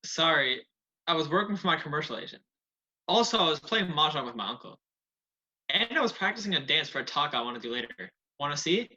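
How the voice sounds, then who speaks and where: A man plays a relaxed, scheming casting assistant with a bright voice and an offhand, chatty manner. His voice comes over a dull, lo-fi video call in an amateur comedy sketch. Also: a little high, fairly quick, exaggerated voice. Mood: breezy. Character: laid-back, scheming male casting assistant.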